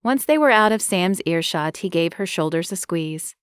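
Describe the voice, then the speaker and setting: A woman narrating a romance audiobook in a steady, even storytelling manner. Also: lowish voice, normal speed, clean tone, dry recording, clean studio sound. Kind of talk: scripted narration.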